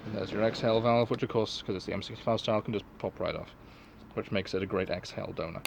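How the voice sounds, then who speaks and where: A man's voice: fairly low pitch, quick pace, gravelly, noisy background. A man giving a casual, unscripted product review in a rambling, offhand, sweary way. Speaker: collector and reseller reviewing gas masks.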